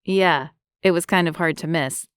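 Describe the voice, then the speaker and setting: A woman's voice: fairly low pitch, moderate pace, fairly bright tone, clean tone, no room sound, clean studio sound, lightly acted. Woman narrator doing a charming, teasing young man.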